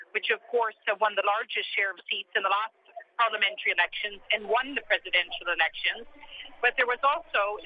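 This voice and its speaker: A high-pitched woman reports live as a correspondent from a rooftop outdoors. Her delivery is measured and formal, describing things carefully. The sound is dull and lo-fi, with faint noise and loudspeakers behind her. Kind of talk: live news report in a two-way. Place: outdoors on a mosque rooftop above crowded streets. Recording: noisy lo-fi line, dull sound. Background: loudspeaker voices and street ambience.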